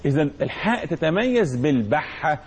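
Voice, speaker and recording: Male Quran teacher, Egyptian accent, high husky voice, slow demonstrative recitation with call-and-response drills. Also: very animated. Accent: Egyptian Arabic. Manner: drawn-out demonstrative recitation, quizzing students. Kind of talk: tajweed lesson with call-and-response.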